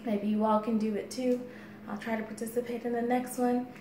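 An American woman in her thirties, a fitness vlogger, chats casually to the camera in a bare-walled indoor room. Her voice is a little high and mellow, her delivery flat and a little fast. A phone camera a few steps away picks her up, and the room is echoey with faint background noise.

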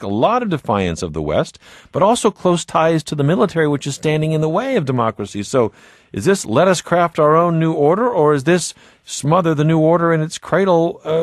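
A man hosting a radio call-in show, steady and composed as he introduces guests and takes callers on the air. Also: on the high side, dry recording, clean studio sound. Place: radio studio.

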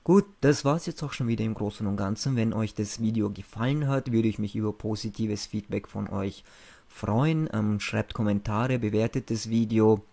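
A man's voice: fairly low pitch, normal speed, creaky, few pauses, warm tone. A young man narrating a screencast in a casual, informal and matter-of-fact way, as the host of a video channel.

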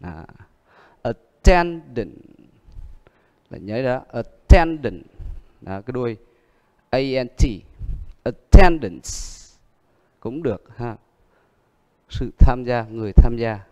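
A man teaching English word stress, explaining in a calm lesson voice and repeating each example word several times. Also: medium pitch, moderate pace, pauses often, in a large hall. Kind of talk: exam prep pronunciation lesson.

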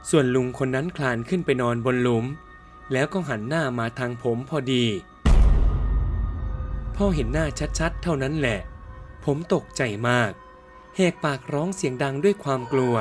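Man narrating a ghost story. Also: mid-range voice.

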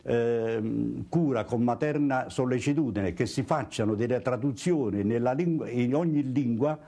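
A man's voice: mid-range voice, unhurried, warm tone. An older man with a Neapolitan accent, a priest answering in an interview. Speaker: priest and Bible translator. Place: indoor room, seated interview.

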